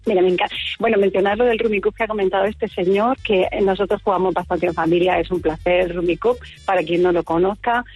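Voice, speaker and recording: Woman from Murcia, radio caller, rushed friendly chat, dry muffled line. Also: medium pitch, fairly even intonation, breathy edge, dry recording, faint music behind. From Murcia, Spain. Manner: chatty, nervous and quick, with little laughs. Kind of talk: phone-in chat.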